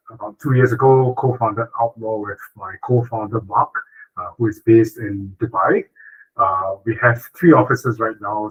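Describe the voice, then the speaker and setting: A corporate lawyer from Singapore gives an online webinar presentation over a video call, speaking fluently but with frequent "uh" and "right?" tags. His voice is on the low side, fairly bright with a breathy edge, and the audio is poor.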